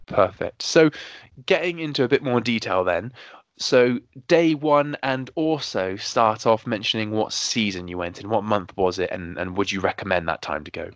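A man's voice: lowish voice, dry recording, clean studio sound. A man hosting a podcast interview, agreeing readily and often restarting his sentences. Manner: friendly, stumbling restarts, quick to agree. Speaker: podcast host.

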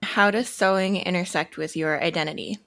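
A woman's voice: fairly low pitch, moderate pace, gravelly, a bit bright. A woman co-hosting a podcast, joking with her co-host and then introducing the guest in a friendly way.

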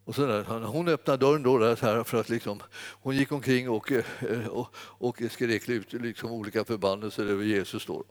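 A man's voice: mid-range voice, steady tone, few pauses. A man preaching through an anecdote in a rambling, self-correcting way, chuckling often as he tells it. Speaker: preacher telling a story. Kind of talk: anecdotal sermon storytelling.

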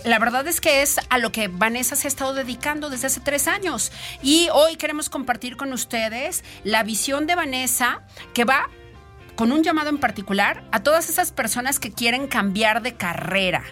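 A woman's voice: on the high side, pushed and bright. A woman with a Mexican accent presenting and interviewing as a radio show host in a studio. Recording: music playing behind. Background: background music.

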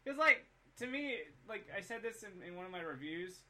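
A man co-hosting a podcast in casual chat, excitable and jokey. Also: high-pitched, moderate pace, slight background noise. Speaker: podcast co-host.

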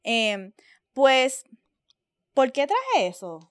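High, smooth Puerto Rican woman. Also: drawn-out words, no room sound, studio quality. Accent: Puerto Rican Spanish. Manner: animated storytelling, mixes in English phrases. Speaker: podcast co-host. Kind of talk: casual chat.

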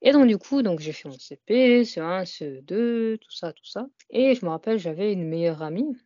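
A woman's voice: mid-range voice, expressive, brisk, dark tone, dry recording, lo-fi sound. A young woman as an interview guest, talking casually and hesitantly, with many fillers and "you know" tags. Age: young adult.

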